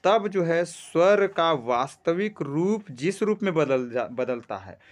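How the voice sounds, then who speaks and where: Guy teaching grammar, bit high voice, slow careful explaining, keeps saying theek hai. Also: lively intonation. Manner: explains slowly with frequent "ठीक है" checks; drawn-out vowels when demonstrating sounds. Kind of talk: Hindi grammar lesson.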